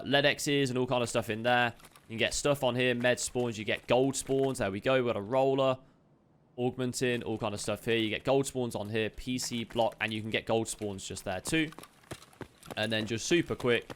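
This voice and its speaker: Casually narrating a video game loot guide, this man sounds fairly bright at a medium pitch, with slight background noise behind him. He's a streamer, upbeat and talkative, throwing in quick remarks to his audience, and now and then he coughs in a slightly chesty way.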